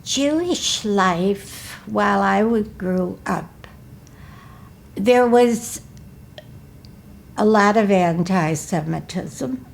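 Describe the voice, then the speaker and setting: A woman in her eighties from Wisconsin, recalling her life in a slow, careful, measured way during an interview. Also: medium pitch, lively intonation, creaky, a little hiss or hum. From Milwaukee, Wisconsin. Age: 80s. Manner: slow, careful, measured recollection, often asking to repeat. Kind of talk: recorded life-story interview.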